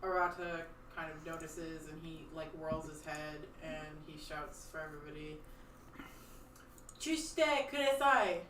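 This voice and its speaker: A woman's voice: deep voice, completely flat delivery, normal speed, few pauses, fairly bright tone. A woman chatting casually as a player in a tabletop game, blunt and sweary. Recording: distant, echoey, noisy room.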